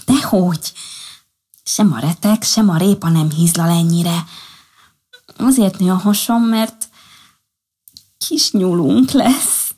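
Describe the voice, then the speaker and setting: A woman's voice: on the low side, pauses often, mellow, slightly rough. A woman voicing a stubborn pregnant female rabbit who walks the tightrope in a storybook. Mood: teasing.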